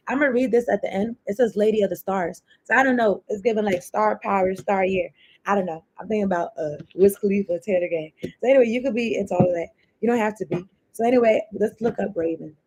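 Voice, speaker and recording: Her voice sits at medium pitch with a darker, breathy quality. She's doing an informal tarot reading, rambling chattily through free associations between cards and ideas and dropping the odd swear word.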